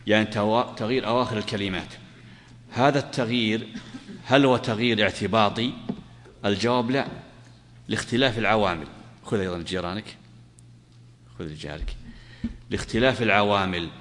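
A man's voice: mid-range voice, fairly bright tone. A man explaining grammar to a class, asking questions and answering them himself and repeating the key phrases. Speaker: teacher of Arabic grammar. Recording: long hall reverb.

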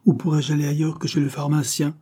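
A man reading a proud, fierce young governess, a woman, in an audiobook, with sharp, defiant retorts. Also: on the high side, little pitch movement, fast talker, husky, pitched above the performer's own voice. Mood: scornful.

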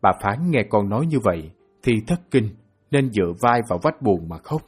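Low, husky male narrator. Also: big pitch swings, normal speed, soft background music. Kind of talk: audiobook novel narration.

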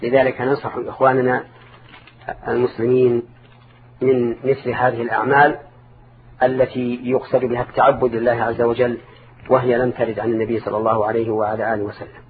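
A man's voice: mid-range voice, little pitch movement, a little fast. An older man giving religious counsel in formal Arabic as a scholar, didactic, repeating and rephrasing for emphasis. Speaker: Islamic scholar answering listeners' questions. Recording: narrow phone-like band, clear background noise.

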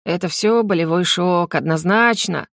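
A woman's voice: fairly low pitch, normal speed, fairly bright tone, no room sound, clean studio sound. A woman voicing an irritable, sarcastic wealthy male dragon in a storybook reading. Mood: exasperated. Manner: sarcastic, barking, indignant.

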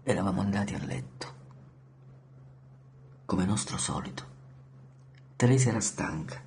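A man voicing a frantic, distraught old grandfather who talks in urgent pleas and hushed, grieving recollection. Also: medium pitch, a little hiss or hum, lightly acted. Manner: urgent, pleading, then hushed and sorrowful.

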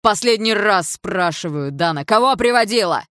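A woman voicing a furious, jealous middle-aged stepfather who shouts threats and orders. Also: mid-range voice, expressive, moderate pace, no room sound, studio quality, voice pushed up, close to an everyday voice. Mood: raging, shouting.

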